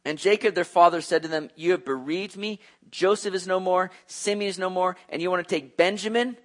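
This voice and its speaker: Man preaching with animated storytelling. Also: high-pitched, fairly quick. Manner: animated storytelling with asides to the listeners. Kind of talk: sermon.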